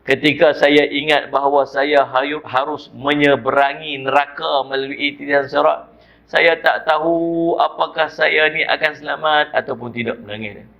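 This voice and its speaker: A man's voice: medium pitch, gravelly, muffled recording. A man preaching a mosque sermon with a Malaysian Malay accent, telling stories and speaking directly to his listeners. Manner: lively storytelling, addresses listeners directly, chuckles.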